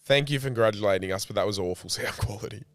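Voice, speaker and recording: A man's voice: lowish voice, racing, no room sound, clean studio sound. An Australian man co-hosting a podcast, chatting casually in a slangy, matey way. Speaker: podcast co-host. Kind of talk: casual chat.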